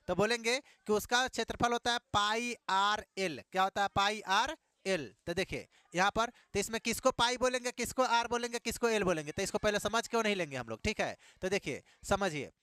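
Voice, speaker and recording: Male math teacher, high bright voice, quizzes the class by echoing key terms, dry close sound. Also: clean tone. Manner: repeats key words as questions to students, playful asides.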